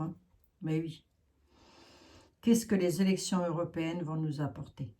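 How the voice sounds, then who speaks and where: Speaking in a mellow voice on the low side, this card reader has a Lorraine French accent. Her casual monologue is frank, full of fillers, and sounds like she's thinking out loud as she reads the cards.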